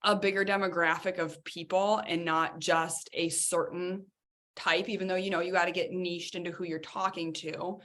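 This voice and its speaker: A woman co-hosting a podcast in casual chat, talking in an animated, chatty way with lots of fillers. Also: lowish voice, normal speed. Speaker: podcast co-host.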